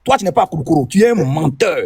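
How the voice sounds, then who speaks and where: A man's voice: a little high, animated, very fast, vocal fry, a little mellow, slightly rough, no echo, clean studio sound. A man on a debate panel, accusing and taunting, repeating his charges over and over. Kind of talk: heated online debate.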